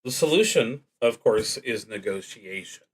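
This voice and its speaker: This streamer's fairly low voice is expressive and slightly rough, captured in poor audio. Running a solo roleplaying game, he reads prompts, thinks aloud in a halting, deliberative manner, and sometimes murmurs to himself.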